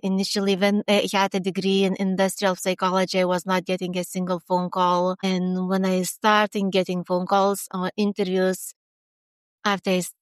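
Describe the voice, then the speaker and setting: Woman, 40s, Lithuanian accent, smooth clear voice, dry close sound, earnest interview guest. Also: mid-range voice, no room sound. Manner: earnest, talks in quick bursts with restarts. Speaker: guest, HR consultant. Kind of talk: casual interview talk.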